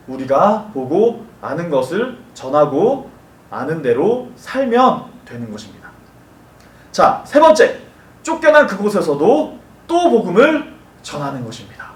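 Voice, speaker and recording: A man gives a lively children's sermon, asking questions and tossing in playful asides. His voice sits high and swings widely in pitch. He sounds distant from the mic, in a roomy, echoing church space. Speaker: children's ministry preacher. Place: church worship room. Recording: roomy echo from far off the mic.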